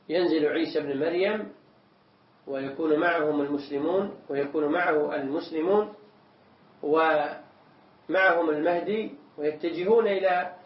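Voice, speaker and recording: A man teaching as a sheikh, explaining religious texts in a measured way, often repeating words as he explains. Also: fairly high pitch. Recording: echoey room, distant mic, dull sound.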